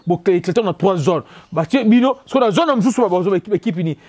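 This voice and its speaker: A man with a Congolese French accent delivers a heated, repetitive rant as a football commentator. His voice sits high for a man yet sounds dark and mellow in tone. He hammers each point again and again. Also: expressive. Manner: emphatic, repetitive, rapid code-switching. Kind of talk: opinion rant on local football.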